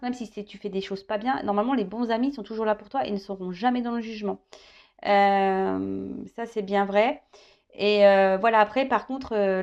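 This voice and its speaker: A woman's voice: medium pitch, a little mellow, dull audio. A woman in her thirties giving a casual tarot guidance reading, chatty and joking. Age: 30s. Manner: chatty and joking, tagging phrases with "hein". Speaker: tarot reader.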